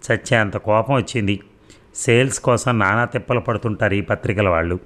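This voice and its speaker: A man with a fairly low voice reads a novel aloud as scripted narration. His storytelling is steady and even throughout. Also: fairly quick. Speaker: audiobook narrator.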